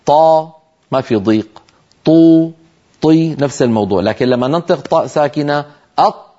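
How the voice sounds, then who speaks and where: A man's voice: medium pitch, a little mellow, husky, highs cut off. A middle-aged man teaching Quran recitation rules on a broadcast, demonstrating letter sounds and asking listeners to try them. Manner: measured, explanatory delivery. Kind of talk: televised tajweed lesson.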